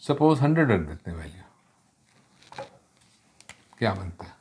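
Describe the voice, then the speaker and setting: A man's voice: deep voice, very animated, measured pace, darkish tone. Man teaching algebra, mixing in English. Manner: mixes Hindi with English terms, explains step by step; self-correcting, asks rhetorical questions. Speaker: math teacher. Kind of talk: classroom math lesson.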